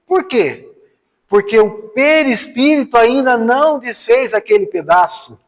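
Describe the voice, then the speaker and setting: In the reverberant hall of a spiritist center, a Brazilian man lectures on spiritism, recounting personal stories in a conversational manner and posing rhetorical questions to listeners. His voice is very high and animated yet unhurried, with a Brazilian Portuguese accent.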